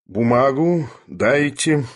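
A man's voice: mid-range voice, animated. A man doing a stern, weary old professor. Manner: measured, heavy, cutting. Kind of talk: audiobook character voice.

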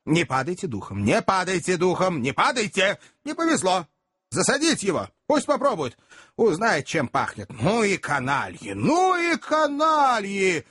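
A man voicing a brash young stranger who rattles off short clipped phrases in a high, husky voice in an audiobook. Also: very animated, full character voice. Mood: brash chatter. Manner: rapid clipped phrases, exclamatory.

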